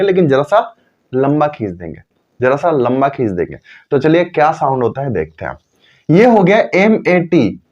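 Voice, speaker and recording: A man teaching English pronunciation rules in a lesson, repeating key words slowly and asking and answering his own questions. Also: a little high, darkish tone, dull audio. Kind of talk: Hindi lesson explaining English spelling rules.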